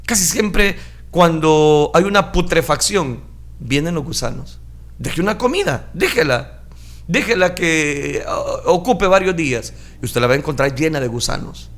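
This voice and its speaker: A male preacher giving a sermon, retelling scripture dramatically and switching between calm explanation and loud acted outbursts. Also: a little high, measured pace. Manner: dramatic, shouts acted crowd lines.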